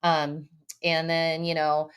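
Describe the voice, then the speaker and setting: A woman's voice: sits low, completely flat delivery, slow pace, clear, resonant tone. A woman in her forties, a massage business owner, chatting as a podcast guest, telling stories, laughing often and acting out her own quotes. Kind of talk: casual conversational interview.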